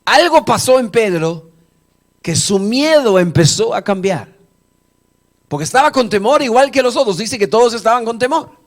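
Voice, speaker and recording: At a moderate pace, a male pastor whose voice sits a little above the typical man's tells stories through his sermon before a church congregation. He animatedly acts out Bible dialogue and scenes while joking and chatting easily with the listeners.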